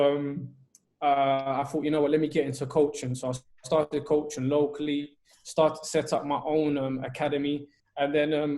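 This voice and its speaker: A man in his twenties from Albania, a football coach telling his story earnestly over a video call, with many pauses and restarts. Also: a little high, darkish tone. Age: 20s.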